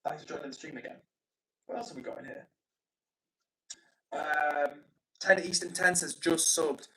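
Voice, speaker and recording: A young Englishman hosts a livestream, reading out viewer comments in a chatty, self-deprecating, apologetic way and laughing often. His voice sits on the high side at a normal speed, sounding pushed, bright and husky on a low-quality recording.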